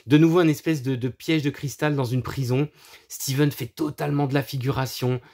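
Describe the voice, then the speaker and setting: Brisk and mid-range, a man's voice rambles casually through his film collection. He keeps it crude and profane, mocking as he goes, with frequent laughter and animated asides.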